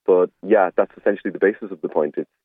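A man with a deep voice speaks as a radio caller. He is polite and hesitant, often hedging, over a narrow, dry phone line. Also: fast talker, no room sound. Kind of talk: tentative spoken argument.

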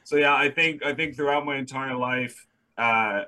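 A man's voice: medium pitch, steady tone, moderate pace, sharp tone, slight background noise, low-quality recording. Young Dublin male guest, candid and earnest, mid-range voice. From Ireland. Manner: earnest, candid, with frequent restarts. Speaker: guest, political correspondent. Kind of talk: casual interview.

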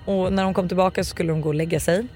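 A man's voice: high voice, faint music behind. A man on a podcast, casually telling an eerie personal story, acting out the quoted lines. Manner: animated storyteller, acts out quotes. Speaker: podcast host. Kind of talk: casual podcast chat, telling ghost stories.

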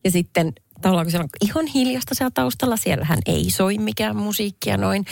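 A woman co-hosting a casual radio chat, talking expressively with quick, exasperated retorts. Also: mid-range voice, vocal fry, a little mellow, dry recording. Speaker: radio host.

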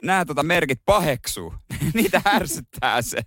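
A man co-hosting a radio morning show, chatting casually and throwing in quick jokes. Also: on the high side, expressive, a bit bright, no echo, studio quality. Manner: quick joking interjections. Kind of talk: casual chat.

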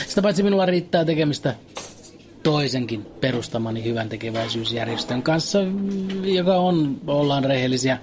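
A man delivering a deadpan, absurd comic monologue in a dry, matter-of-fact way, with hesitant fillers. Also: mid-range voice.

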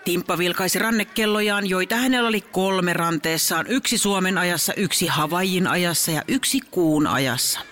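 A woman narrating a children's audio story in a lively, brisk way. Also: on the low side, a faint crowd.

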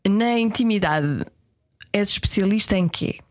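A woman's voice: medium pitch, unhurried. A woman with a European Portuguese accent hosting a casual chat and asking personal questions.

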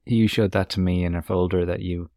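Deep-voiced man asking rambling questions. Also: steady tone, fairly quick, warm tone, no room sound, studio quality. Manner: chatty, asks long rambling questions. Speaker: parenting podcast co-host. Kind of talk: casual podcast chat.

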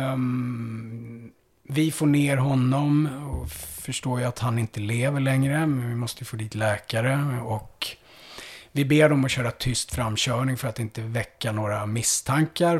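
A man who works as a police officer, recounting a hard call-out in a conversation, halting and full of fillers, dropping low and quiet at the heaviest parts. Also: slightly rough. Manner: halting, with many fillers and restarts.

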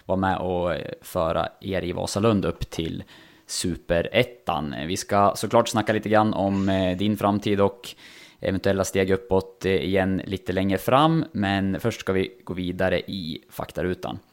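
Deep-voiced male interviewer. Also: fairly even intonation. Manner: measured, many filler pauses. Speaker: interviewer host. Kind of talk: interview questions.

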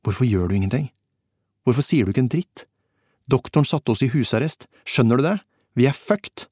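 A man's voice: mid-range voice, expressive, a little mellow, breathy edge, no echo, studio quality. A man reading the first-person hero of an audiobook, a frightened young hostage, with an agitated, raised voice. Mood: desperate.

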